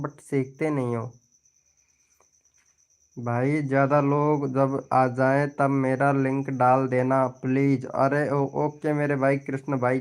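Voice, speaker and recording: Chatty, smooth-voiced young man on a live stream. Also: medium pitch. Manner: chatty, teasing, talks straight to viewers. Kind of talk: casual live-stream chat.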